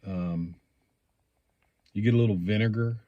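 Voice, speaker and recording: A man giving a casual, rambling product review, speaking in a hesitant, unhurried way as he thinks aloud. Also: on the low side, no room sound, highs cut off. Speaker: pipe tobacco reviewer.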